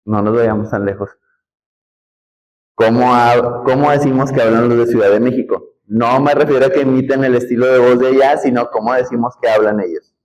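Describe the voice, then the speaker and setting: A man's voice: medium pitch, fairly even intonation, fairly quick, darkish tone, poor audio. Northern mexican guy teaching a class, chatty, keeps asking the students questions, normal mid voice. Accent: northern Mexican, Nuevo León. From Nuevo León, Mexico. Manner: conversational, explaining, asks the class questions. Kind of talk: classroom lecture.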